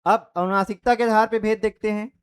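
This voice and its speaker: The young man's high, smooth voice runs a little fast with fairly even intonation as he teaches Hindi grammar online. He goes through it step by step, demonstrating vowels out loud and checking in often.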